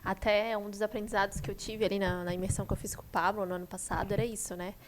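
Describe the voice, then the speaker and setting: A podcast host speaks quickly and adds short, encouraging remarks. Light noise runs under the recording. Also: female voice, mid-range voice, level tone. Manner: brief supportive interjections. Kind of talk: casual interview.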